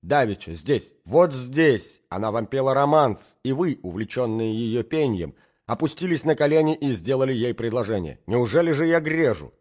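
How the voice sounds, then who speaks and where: A man's voice: mid-range voice, lively intonation, normal speed, darkish tone, voice pushed up, close to an everyday voice. A man voicing an imperious middle-aged matron who presses her demands with indignation, in a dull lo-fi recording. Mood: indignant.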